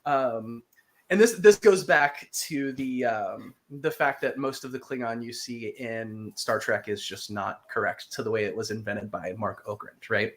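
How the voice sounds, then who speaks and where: Patient casual language teacher. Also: medium pitch. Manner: patient, repeats phrases slowly for practice.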